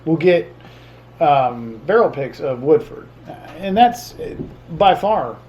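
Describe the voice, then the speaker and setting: A man's voice: fairly high pitch, sing-song, takes it slowly, a little mellow. A man co-hosting a tasting video in casual chat, often restarting his phrases. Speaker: co-host of a bourbon tasting show. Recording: muffled, noisy room recording.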